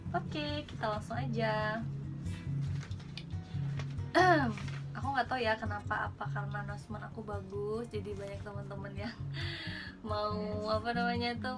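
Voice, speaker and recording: Chatty, higher-voiced woman over loud music. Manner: informal, rambling, self-correcting. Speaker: vlogger and flight attendant giving tips. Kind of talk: casual chatty tutorial vlog.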